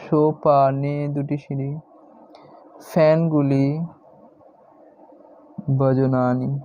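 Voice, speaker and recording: A man teaching a lesson, explaining word by word and repeating each term slowly. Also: medium pitch, level tone. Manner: slow, repeats each word several times. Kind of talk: step-by-step classroom explanation. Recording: dull lo-fi sound.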